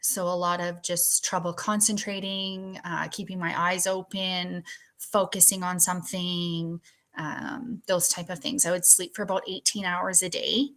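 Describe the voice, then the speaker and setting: A woman's voice: lowish voice, level tone, a little slow, a bit bright. A woman in her forties from Canada, describing fatigue and recovery in an interview, matter-of-fact. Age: 40s. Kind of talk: recalling illness in an interview.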